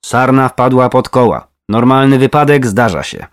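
Man reading a calm, placating older man. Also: medium pitch, normal speed, no room sound, studio quality, close to an everyday voice. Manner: steady, placating.

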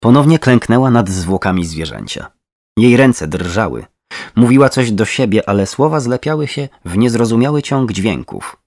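A man's voice: medium pitch, lively intonation, moderate pace, a little mellow, dry recording, clean studio sound. A man narrating a true crime story in a tense, dramatic way.

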